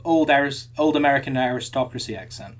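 A man's voice: mid-range voice, quick pace. A man co-hosting a podcast in casual chat, thinking aloud with frequent restarts and repeated words. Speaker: podcast co-host.

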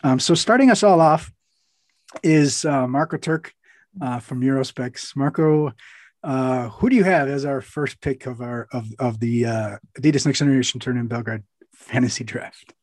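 A man hosts a podcast in a casual, rambling way. He speaks at a middle pitch and keeps restarting his sentences with fillers. The sound is dry and close. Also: normal speed, dry recording. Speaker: podcast host.

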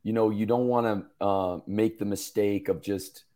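Podcast guest, male, deep mellow rasp, hoarse and tired, laid-back delivery. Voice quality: gravelly. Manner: relaxed, unhurried riffing with fillers. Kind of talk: casual podcast conversation.

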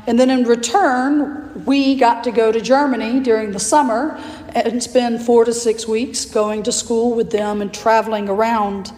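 A hoarse, raspy woman priest preaches in a measured, gentle way. Her voice sits a little high and rings through a roomy church with a long reverb tail. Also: steady tone. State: hoarse from allergies. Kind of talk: sermon. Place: church sanctuary.

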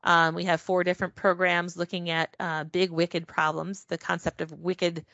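A woman with a fairly low voice talks through a casual interview, rambling along with frequent ums and self-corrections. The call audio is dull and lo-fi with no room sound at all. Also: flat delivery, normal speed, fairly bright tone, no room sound. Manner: chatty, frequent ums and restarts. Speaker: podcast guest, packaging professional.

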